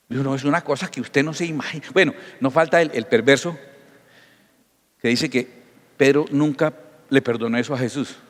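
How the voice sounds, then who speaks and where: A man, a pastor giving a sermon in an animated storytelling manner with acted dialogue. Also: a little high, in a large hall.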